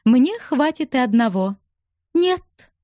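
A woman putting on a high teasing young widow. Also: big pitch swings, takes it slowly, dark tone, no echo, studio quality, heavily acted. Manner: coquettish, bantering.

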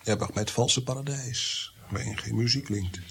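In a radio play, a male actor with a gravelly, natural, medium-pitched voice portrays a tormented, bitter, God-fearing prince who composes music. He speaks at a normal speed, brooding, anguished and theatrical, at times dropping to a whisper.

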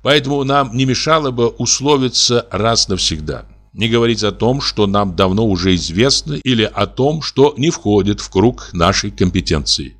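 Cold, ironic bureaucrat who lectures in a measured tone, as a male reader plays him. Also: fairly low pitch, a bit bright. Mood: lecturing. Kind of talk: audiobook reading.

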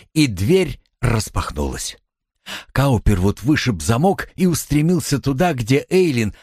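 A man reading a novel aloud as narrator, in a dramatic, expressive manner. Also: medium pitch, dry recording, clean studio sound. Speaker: audiobook narrator. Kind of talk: scripted narration.

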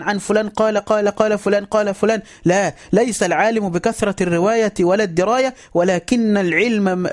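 Egyptian male religious teacher, high voice, quick delivery, emphatic and repetitive, keeps calling for listeners' attention. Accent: Egyptian Arabic. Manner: emphatic, repeats phrases, keeps telling listeners to pay attention. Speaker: Islamic teacher. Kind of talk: religious lesson on a voice chat app.

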